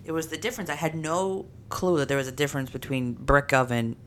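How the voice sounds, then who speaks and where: Female co-host, enthusiastic, remarkably deep voice, faint hiss behind. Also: fairly quick. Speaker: podcast co-host. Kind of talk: casual chat.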